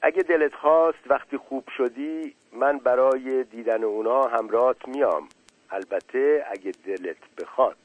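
A man's voice: medium pitch, no echo, phone-quality sound, natural voice. A man doing a shy, tender young sparrow. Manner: tender, hesitant, searching for words. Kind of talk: storybook character voice.

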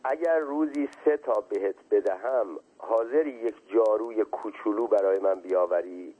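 A man's voice: fairly low pitch, warm tone, husky. A man reading a curt, impatient master. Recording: tinny phone-like radio sound.

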